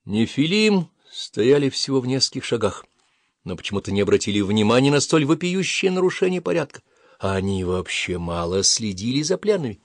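A man narrating a fantasy audiobook in a steady, even reading voice. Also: on the low side, no room sound, studio quality.

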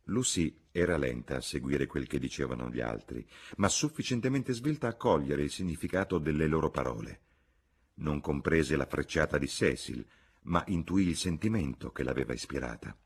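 A man narrating a novel as an audiobook reader, in an expressive husky voice. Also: a bass voice, moderate pace. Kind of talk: scripted narration.

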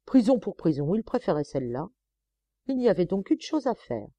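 A woman reading a short story aloud as an audiobook, measured and expressive. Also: on the low side, dry recording, lo-fi sound. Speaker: audiobook reader. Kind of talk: scripted narration.

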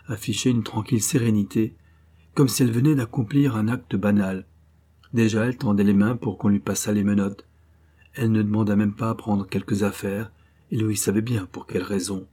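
A male audiobook narrator reads in a measured, grave storytelling manner. His voice is low, dark and mellow with a husky edge. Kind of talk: scripted narration.

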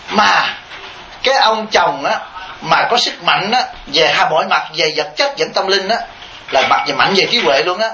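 A Buddhist monk teaches in a bright, raised voice, telling stories and checking that his listeners follow. He chuckles through his examples. The recording is echoey and dull, with a faint hiss. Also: a little high. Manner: animated storytelling, chuckling asides, rhetorical checks with the audience. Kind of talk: dharma talk answering questions. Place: temple hall with listeners.

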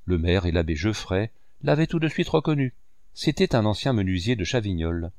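Male narrator, audiobook, classic novel, measured expressive reading, low voice, dry close mic. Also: dry recording.

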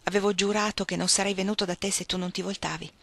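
A woman reading the lines of an eager, flustered young gentleman in an audiobook. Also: medium pitch, fairly even intonation, quick pace, gravelly, no echo.

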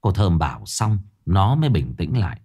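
A man narrating a spooky folk tale in an expressive, lively way. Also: low-pitched, normal speed, slightly rough. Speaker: storyteller.

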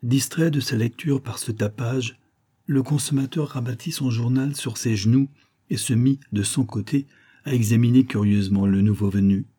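A man reading a novel aloud in a measured storytelling manner. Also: mid-range voice, warm tone, breathy edge. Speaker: audiobook reader. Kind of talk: literary narration.

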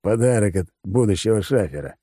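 A man's voice: lowish voice, expressive, fairly quick, dark tone, husky, dry recording, studio quality. A man voicing a laid-back male ninja friend who teases in a casual way. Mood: teasing. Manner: teasing, casual.

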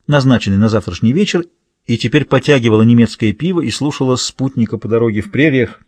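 A man narrating a thriller audiobook in a steady, measured reading. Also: medium pitch, no room sound. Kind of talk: scripted narration.

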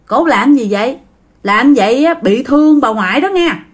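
A woman voicing an adult nephew who gently pleads with his uncle to calm down. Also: sits high, moderate pace. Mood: pleading.

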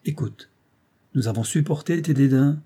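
A man's voice: fairly high pitch, normal speed, dark tone, pitched above the performer's own voice, close to an everyday voice. A man reading the part of a brash young Venetian gondolier who taunts and threatens. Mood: threatening.

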